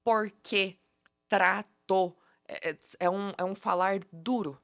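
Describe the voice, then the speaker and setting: A woman from Curitiba, Brazil, with a Curitiba accent, explaining pronunciation tips as a guest teacher in a playful, animated way and laughing often. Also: medium pitch, slow pace, no echo, studio quality. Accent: Curitiba Brazilian Portuguese. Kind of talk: casual podcast interview.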